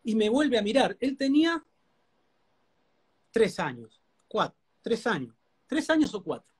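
A man's voice: sits high, wildly swooping pitch, a little slow, breathy edge. Earnest Rioplatense man giving testimony. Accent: Rioplatense Spanish. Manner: earnest, preacherly, repeats phrases for emphasis. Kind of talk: emotional testimony in a live interview.

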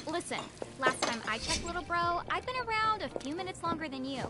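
A bossy big sis in a game, high voice, pushy and quick. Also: female voice, expressive, heavy background noise. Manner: brisk, insistent. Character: bossy impatient young woman, big sister.

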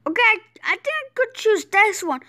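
A woman hosting an excited gameplay commentary, exclaiming often and restarting her sentences as she explores. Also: very high voice, moderate pace, dry recording, studio quality. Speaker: gameplay channel host.

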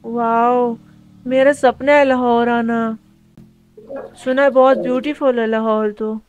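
A man's voice: very high-pitched, flat delivery, dull audio, faint music behind, pitched above the performer's own voice. A man using a voice changer filter to play a shy, pleading young girl gamer in voice chat. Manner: sweet, pleading, fast-talking. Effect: voice changer filter making a man sound like a girl. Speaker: prankster streamer. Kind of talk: gaming voice chat prank.

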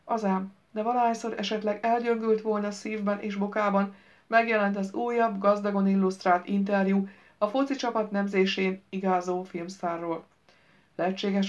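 Woman audiobook narrator, wry and brisk, middle pitch, slightly dull lo-fi sound. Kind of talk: first-person novel reading.

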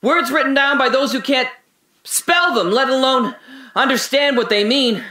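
A voice actor performs a radio-drama monologue as a bitter, sardonic man in custody, rambling and paranoid. His extremely high, bright, forceful voice moves at a moderate pace, sliding from hushed, brooding musing into indignant outbursts.

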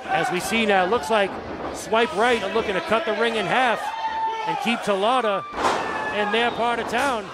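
A high-pitched man calls a live wrestling match play-by-play at a moderate pace, his intonation fairly even but his announcer delivery emphatic. Loud crowd and venue noise fill the background, with wrestling fans roaring and bodies slamming the ring.

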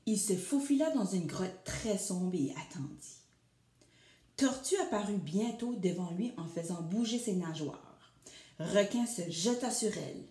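A woman's voice: medium pitch, animated, measured pace, dark tone. A woman teacher reading a storybook aloud to children and asking them questions as she goes. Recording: echoey room.

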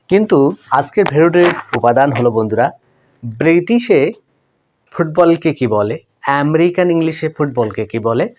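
A man's voice: a little high, darkish tone. Chatty man teaching words, repeating each. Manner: chatty, repeats words for emphasis, asks the audience questions. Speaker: English teacher. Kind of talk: explaining vocabulary to viewers.

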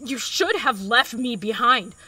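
A woman's voice: a little high, animated, measured pace, pushed and bright, husky, no room sound, exaggerated voice. A woman voicing a fierce, blunt companion in an audio drama, swearing and teasing, scared of losing a partner. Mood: angry, scared. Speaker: voice actor.

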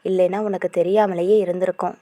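A woman's voice: on the low side, little pitch movement, fairly quick, warm tone, no room sound, natural voice. Woman doing a playful teasing young village girl, dry close sound. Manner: playful, cheeky.

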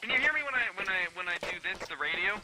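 A man's voice: high-pitched, lively intonation, rapid-fire, noisy background. A man playing a game with friends, explaining game tips over voice chat. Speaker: co-player. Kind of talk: casual gaming chat.

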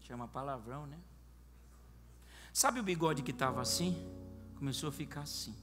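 A male pastor who tells a comic story in an animated way during a sermon. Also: on the high side, normal speed. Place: church. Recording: long church reverb, faint music.

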